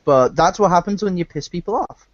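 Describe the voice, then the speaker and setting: A man's voice: sits high, animated, a little fast, no echo, highs cut off. A man hosting a podcast in loose, casual chat, swearing freely now and then. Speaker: podcast host.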